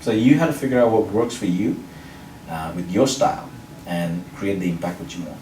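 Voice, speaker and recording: A public speaking champion from Sri Lanka, whose first language is Sinhala or another Sri Lankan language, answers interview questions in a measured, explanatory way, building his points as lists. His deep, mellow voice is animated, and his mostly neutral international English carries a faint Sri Lankan accent. The distant mic picks up roomy echo and faint noise.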